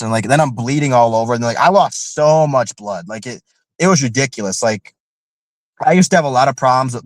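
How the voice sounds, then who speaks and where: On a casual podcast, a man returning as co-host rambles in long, winding stretches, leaning heavily on "like," other fillers, and restarts. Still recovering from an illness, his mid-range voice carries a faint nasal tint. The audio is dry and close, without room echo.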